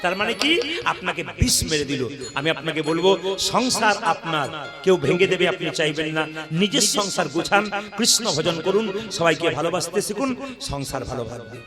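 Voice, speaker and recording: A man tells a sacred story in a devotional kirtan and keeps turning to exhort his listeners. His voice sits high for a man. Music plays throughout. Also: lively intonation, moderate pace. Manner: exhorting the audience directly. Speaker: kirtan performer.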